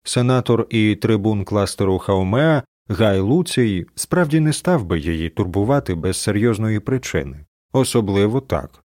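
Brief: male narrator, animated lilting delivery, mid pitch, dry close mic. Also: moderate pace, dry recording. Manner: expressive storytelling. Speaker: audiobook narrator. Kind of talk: scripted narration.

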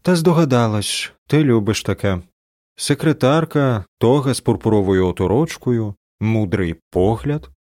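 A man voicing a sharp-tongued young woman, a space agent on vacation, curt and sarcastic. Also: lowish voice, expressive, moderate pace, no room sound, studio quality, close to an everyday voice. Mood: irritated.

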